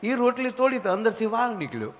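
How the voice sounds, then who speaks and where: A high-voiced man tells rustic comic stories as a folk comedian. He acts out the voices in his tales with animated delivery. His voice rings with a long hall reverb. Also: fast talker. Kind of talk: live comic storytelling.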